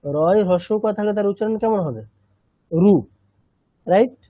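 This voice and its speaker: A high-pitched man leads a chanting lesson and patiently repeats syllables for his students. His voice comes through a narrow, tinny line. The sound is close and dry. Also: no room sound. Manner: patient, repeats sounds slowly, mixes in English. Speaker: Sanskrit chanting teacher. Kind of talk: online language lesson.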